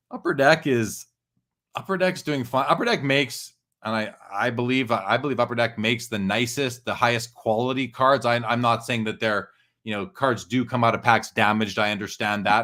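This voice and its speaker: A talkative man with a medium-pitched voice gives casual commentary. He explains at length and states his opinions plainly. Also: pushed and bright. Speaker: show host and commentator.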